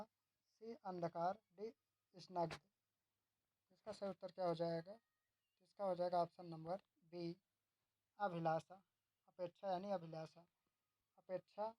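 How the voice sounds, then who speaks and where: Low, dry-voiced woman reading a quiz. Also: dark tone, dry recording, poor audio. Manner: reads options out one by one, then gives the answer and explains it. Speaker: exam tutor. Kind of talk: reading quiz questions and answers.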